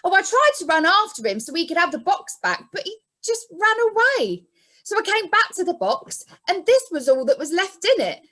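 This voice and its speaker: A woman's voice: very high voice, big pitch swings, moderate pace, fairly bright tone, full character voice. A woman playing an eager, earnest young lad in a comic pantomime, with exaggerated enthusiasm. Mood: earnest, protesting.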